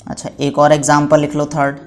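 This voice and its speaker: A man's voice: on the high side, completely flat delivery, brisk. A man teaching English to children in a patient classroom style, asking questions and answering them himself and spelling words out letter by letter. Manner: calls students "beta" affectionately.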